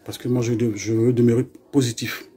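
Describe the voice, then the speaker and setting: A man's voice: mid-range voice, flat delivery, a little fast, warm tone. A middle-aged man from Côte d'Ivoire, casually recounting a personal story and acting out the dialogue, with frequent hesitations. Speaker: vlogger telling a personal story. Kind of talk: casual spoken anecdote.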